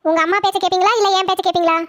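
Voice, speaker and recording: A woman voicing a bossy, complaining young wife in a cartoon comedy, talking fast and nagging. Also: very high-pitched, fairly even intonation, a bit bright. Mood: demanding.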